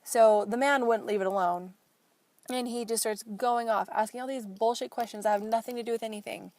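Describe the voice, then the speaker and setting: A woman's voice: on the high side, fairly even intonation, fairly quick, a little mellow, no room sound. A young woman from Portland, Oregon, hosting a casual solo podcast from her car, telling a frustrated story in a frank, exasperated way with some swearing. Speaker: podcast host. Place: inside a parked car.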